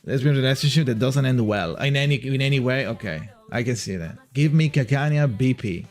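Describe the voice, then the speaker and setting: Faint music plays behind this Italian livestream host, whose medium-pitched voice moves briskly. Born in Italy and speaking with its accent, he reads his viewers' chat aloud in a casual, rambling way, frequently starting over.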